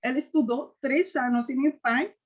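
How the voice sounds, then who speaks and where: A woman giving an earnest personal faith testimony, often halting and restarting. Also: high voice. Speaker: testimony giver.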